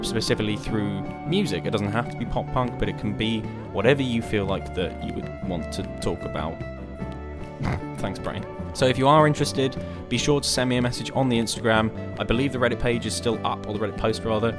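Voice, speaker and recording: A man hosting a podcast, talking earnestly and rambling a little, swearing casually, from a dark room. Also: fairly low pitch. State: hiccuping. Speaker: podcast host. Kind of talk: casual podcast monologue and chat. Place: dark room lit by candles.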